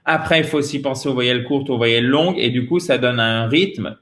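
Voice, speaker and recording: A man's voice: medium pitch, a bit bright, slight background noise. A man teaching English pronunciation in French, drilling each model word several times and checking in with "ok?". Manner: slow, repeats model words many times; often ends points with a checking "ok?". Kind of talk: French-language pronunciation lesson.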